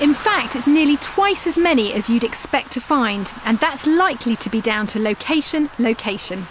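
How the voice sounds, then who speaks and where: A woman's voice: fairly high pitch, lively intonation, moderate pace, a little hiss or hum. A woman reading scripted narration for a nature documentary as a reporter.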